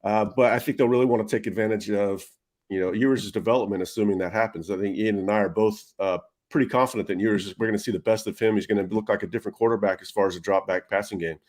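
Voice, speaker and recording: A man giving casual football analysis, talking quickly with frequent fillers. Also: lowish voice, fairly even intonation, darkish tone. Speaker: recruiting analyst.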